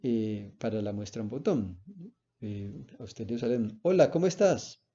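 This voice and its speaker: Male lecturer, very dark warm voice, seminar talk full of "eh" and "¿cierto?", slightly dull recording. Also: lowish voice, steady tone, a little slow, slight background noise. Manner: explains with spoken examples and frequent "¿cierto?" and "eh".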